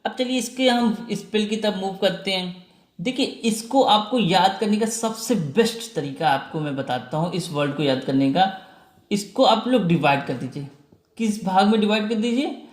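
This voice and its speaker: A man's voice: high-pitched, lively intonation, moderate pace. A man teaching an exam vocabulary lesson, spelling words out letter by letter and answering his own questions. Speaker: English teacher. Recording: echoey room.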